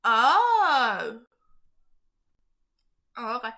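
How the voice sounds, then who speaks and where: A woman's voice: fairly high pitch, sing-song, very slow, bright, forceful tone. A woman hosting her own channel, reading aloud to viewers in a casual, chatty way, giggling often and getting easily sidetracked. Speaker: channel host.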